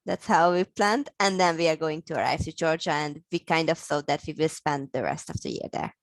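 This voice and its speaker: A Hungarian woman, an operations consultant appearing as a guest, answers interview questions about her work in Hungarian-accented English. Her low-pitched voice is fairly even and brisk, with many fillers and restarts, and there's no echo.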